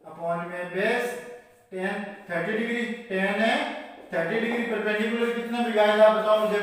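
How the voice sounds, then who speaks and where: A man's voice: sits high, a bit bright. A man with an Indian accent teaching a maths class, asking his students questions and answering them himself. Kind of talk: classroom lesson. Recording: echoey hall, mic far off.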